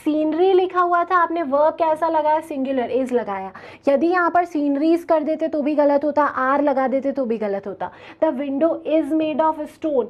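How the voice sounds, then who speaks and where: A woman teaching an English grammar lesson, explaining slowly and asking her students questions as she goes. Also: sits high, dull audio. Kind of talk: classroom grammar lecture.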